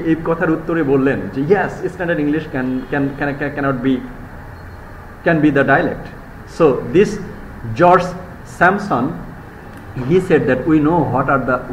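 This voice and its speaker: This live lecture comes from a university lecturer, a man with a Bangladeshi accent and a somewhat high voice, addressing students in Bengali and English. Explanations in Bengali come fast, while English quotations are read slowly and carefully. The room is echoey, and a faint hiss sits underneath.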